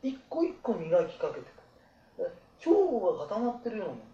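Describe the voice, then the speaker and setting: A man giving life advice to a small group in blunt, rough, colloquial talk. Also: sits high, huge pitch swings, fast talker, mellow, reverberant, highs cut off.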